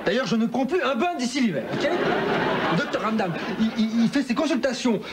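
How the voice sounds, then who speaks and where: An actor voicing a frazzled, dramatic grown son who whines and complains. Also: male voice, extremely high pitch, animated, a little fast, over a noisy crowd, heavy background noise. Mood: exasperated. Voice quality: whiny, exasperated. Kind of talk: cartoon voice acting.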